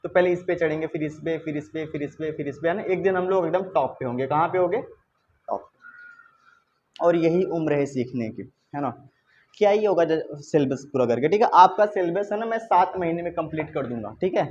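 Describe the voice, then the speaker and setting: A male teacher giving a classroom English lesson, lively and coaxing, repeating his questions to the students. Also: on the high side, a little fast, highs cut off, a little hiss or hum.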